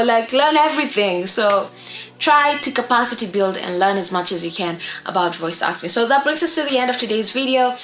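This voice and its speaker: A young adult woman with a voice on the high side and a bit bright teaches voice acting to camera. Her tutorial is easygoing and encouraging, with main points repeated for emphasis. The small indoor room gives an echo, and faint music plays underneath.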